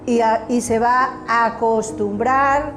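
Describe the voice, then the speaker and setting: A woman's voice: a little high, fairly even intonation, slow, roomy sound, music in the background. A woman preacher giving an emphatic sermon and asking her congregation questions. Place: church hall.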